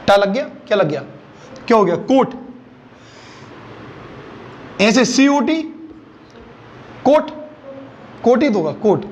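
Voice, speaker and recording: A man teaching English phonics, spelling words letter by letter and asking repeated questions. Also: very high-pitched. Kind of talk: phonics lesson. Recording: dull lo-fi recording.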